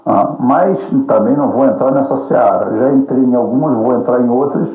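A political commentator delivers a casual monologue that is ironic, combative and packed with profanity, speaking at normal speed in a medium-pitched voice. The recording sounds roomy and dull, lo-fi, with faint music behind him.

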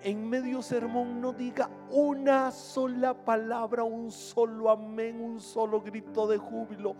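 A man's voice: very high voice, voice pushed up. A man playing a flustered, anxious pastor who pleads in a strained, rising voice, heard with long hall reverb and faint music. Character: fretful middle-aged male pastor, anxious, pleading.

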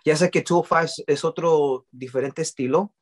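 A man's voice: on the high side, normal speed. A man, telling his story in a casual interview, often restarting and dropping English words into his speech.

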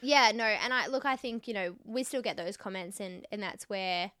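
A young woman hosts a casual podcast chat, open and talkative. Her voice is bright and forward. The sound is dry and close. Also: mid-range voice, moderate pace, smooth, no room sound. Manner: candid and chatty, with frequent fillers. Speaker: podcast host.

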